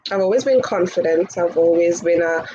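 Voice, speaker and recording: Here the same kind of guest, a woman in her twenties from Tobago sitting in a hall chair, talks briskly in a fairly low, warm voice with a Tobagonian accent. She's outspoken and quick to laugh in this casual interview, captured with lo-fi sound and a little background noise.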